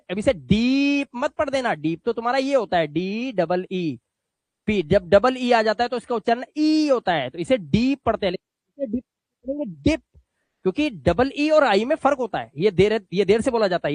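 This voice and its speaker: In a dry recording, a man with a high, sing-song voice teaches English phonics at a moderate pace. He patiently repeats the rules and draws out example words, coaxing his learners and often checking that they follow.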